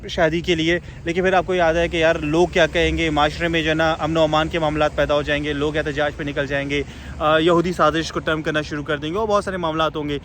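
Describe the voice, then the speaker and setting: A woman's voice: low-pitched, flat delivery. A woman coaching exam candidates, talking them through practical advice. She slips between languages mid-sentence and keeps asking whether they follow. A faint hum of traffic and street noise sits behind her voice. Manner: switches languages mid-sentence, checks in with listeners. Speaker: exam preparation tutor. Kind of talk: spoken advice lesson.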